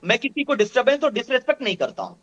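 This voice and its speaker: A man speaking as a panelist in a TV debate, hesitant with halting starts. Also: extremely high pitch, expressive, a bit bright. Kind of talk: TV debate remote guest. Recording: dull lo-fi line.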